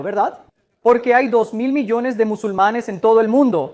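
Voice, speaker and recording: A woman's voice, sitting somewhat high, delivers a dubbed talk as a guest speaker at a church gathering. She explains each point in a measured, earnest way and takes questions from the audience. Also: darkish tone.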